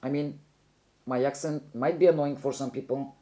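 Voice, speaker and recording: This beauty vlogger, a young woman from Bulgaria, has a dark bass voice with fairly even intonation and speaks at a normal speed. Her Bulgarian accent comes through as she chats casually over a makeup tutorial, rambling and frequently fixing what she just said.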